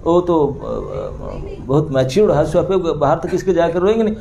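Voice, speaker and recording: A fairly high-voiced man preaching in a temple hall, his tone mellow and soft-edged. He tells the story in an animated way, acting out the characters' pleading, and laughs now and then. A faint hum of room noise sits behind him. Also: moderate pace, gravelly, muffled recording. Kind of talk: scripture storytelling sermon. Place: temple hall before a seated audience.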